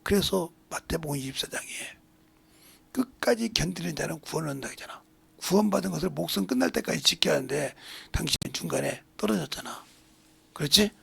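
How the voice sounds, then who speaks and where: A man in his sixties, a pastor preaching a sermon, who swings between hushed asides and loud emphatic preaching. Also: fairly high pitch, lively intonation, fairly quick. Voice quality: gravelly, husky voice.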